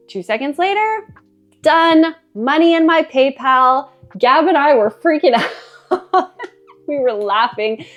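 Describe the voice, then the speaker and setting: A woman vlogger telling a personal story in a chatty, animated way, with plenty of fillers and laughter. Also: medium pitch. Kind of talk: casual storytime monologue.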